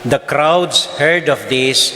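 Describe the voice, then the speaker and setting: A man reading the Gospel solemnly as clergy at Mass, in measured phrases, with a cathedral echo. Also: a little high, bright, forceful tone. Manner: measured, deliberate, phrase-by-phrase delivery. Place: large reverberant church. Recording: cathedral echo, long reverb, hissy noise.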